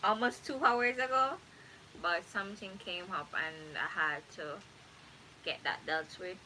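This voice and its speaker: It's her first live stream, and this young Jamaican woman, a YouTuber at home, rambles casually and corrects herself in an easygoing way. Her fairly low voice runs a little slow. The phone-made recording is low quality, with slight hiss or hum and faint background ambience.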